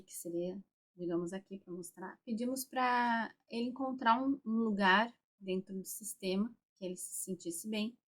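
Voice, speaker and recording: A woman therapist with a Brazilian Portuguese accent recounts a family constellation session, lifting her voice to act out the quoted people. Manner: acts out quoted voices with raised pitch.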